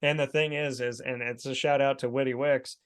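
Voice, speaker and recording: A man's voice: mid-range voice, fairly even intonation, moderate pace, clear, resonant tone. A man in his thirties co-hosting a podcast, talking in an emphatic, preachy storytelling way. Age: 30s. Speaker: podcast co-host. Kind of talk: casual chat.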